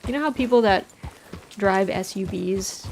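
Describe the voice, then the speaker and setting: A woman's voice: medium pitch, moderate pace, creaky, a little mellow, slight background noise. An American woman chatting casually on a game livestream in a chilled, cozy way. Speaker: game streamer. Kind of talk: casual livestream chat over gameplay. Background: game music, horse hooves and animal sounds.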